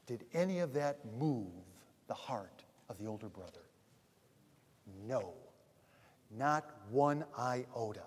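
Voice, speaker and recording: A pastor preaches with a high voice that rings out in a large hall with a long reverb. He swings from ringing emphasis to almost hushed asides, addressing the congregation as dear friends. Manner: dramatic swings between loud emphasis and near-hushed asides. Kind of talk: sermon.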